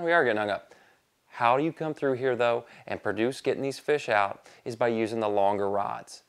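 A man's voice: mid-range voice, dry recording. A man in his thirties hosting a fishing video, explaining technique and cheering catches outdoors on a lake boat. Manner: excited on-the-water banter. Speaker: fishing show host.

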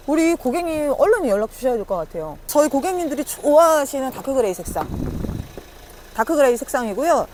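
A woman's voice: high-pitched, a little mellow, a little hiss or hum. A woman car dealer doing a casual, chatty sales walkaround, persuasively addressing her customers. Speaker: used-car dealer presenting a car. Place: on location outside and inside a car.

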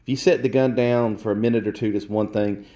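A man's voice: fairly low pitch, steady tone, brisk, mellow. A man in a cluttered workshop showing a repair on camera, blunt and lecturing, repeating his points for emphasis. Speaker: repair technician. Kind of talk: hands-on repair demonstration. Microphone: handheld phone camera close to the work.

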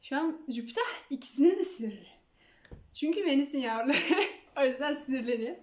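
A woman's voice: sits high, animated, a little fast, a little mellow. A young woman vlogging casually at home, talking to her cats in affectionate baby talk. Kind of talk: casual chat to camera. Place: at home, indoors. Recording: echoey room.

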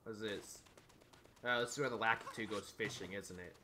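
A young man doing let's play commentary, excitable, yelping and shouting at the game, cracking crude jokes and talking to the characters. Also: on the low side, fairly quick, background noise. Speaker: gameplay commentator.

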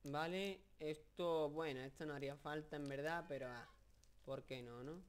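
At a moderate pace, a young gameplay commentator from Spain chatters over his game in a clear, smooth, rather high voice. His talk is casual and rambling, full of jokes and filler words, and he gets worked up at what he sees on screen.

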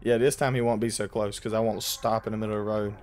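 A young man giving casual, jokey commentary while playing a horror driving game, slangy and quick to yelp when startled. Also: fairly low pitch, flat delivery, darkish tone. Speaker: gaming YouTuber.

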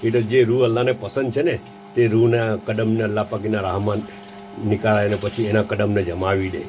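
A man's voice: fairly low pitch, little pitch movement, a little fast, noisy background. A man from Gujarat, India, talking as a religious vlogger and preaching while he films. He keeps asking his listeners "right?" as he explains. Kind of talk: preachy vlog commentary. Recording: dull, lo-fi sound with clear background ambience.

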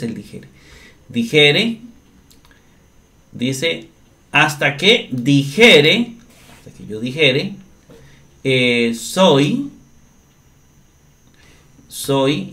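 A man teaching Greek grammar in a slow, step-by-step screen-share lesson, often checking in with his listeners. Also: mid-range voice, fairly bright tone. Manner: slow, deliberate, often asks "¿verdad?".

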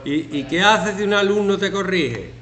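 A teacher in his fifties, his voice sitting high at normal speed, banters with students over a class activity. Lively and joking, he acts out shouting examples, and the echoey classroom carries faint background noise.

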